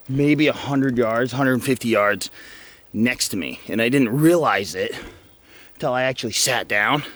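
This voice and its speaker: A man outdoors by a field and wood line, a little out of breath, excitedly rambling through an outdoor hunting vlog recap with plenty of fillers. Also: medium pitch. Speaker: hunting vlogger.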